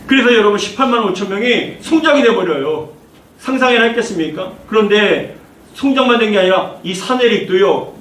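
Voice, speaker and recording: A man's voice: sits high, a bit bright. A male pastor preaching a fervent sermon, repeating key phrases and leading the congregation through scripture readings. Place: church sanctuary. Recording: echoey church hall, distant mic, faint noise.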